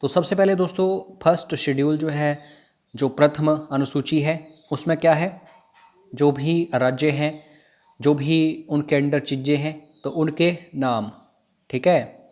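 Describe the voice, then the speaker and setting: A man's voice: fairly high pitch, steady tone, measured pace, darkish tone. A man teaching an exam prep lesson, repeating which facts to memorize. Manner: repetitive, drilling what to memorize.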